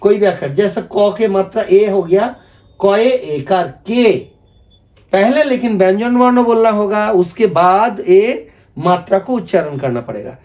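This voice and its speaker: High-voiced man patiently teaching script. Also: moderate pace, a little mellow. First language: Bengali. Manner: patient, repetitive explaining, asks viewers to repeat after him. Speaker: Bengali language teacher. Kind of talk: video lesson explaining script.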